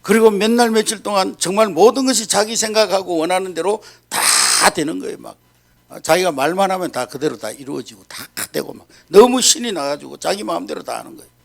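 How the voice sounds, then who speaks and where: A male pastor telling a story in an animated sermon, often checking in with the congregation. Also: sits high, fairly quick, creaky.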